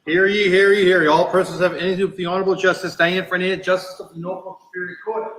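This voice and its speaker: A man calls out a formal court proclamation like a town crier. His voice is high and ceremonial, carried from far off in an echoey room with clear background noise. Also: flat delivery, quick pace. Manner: loud ceremonial calling-out, formulaic. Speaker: court officer. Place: large indoor courtroom.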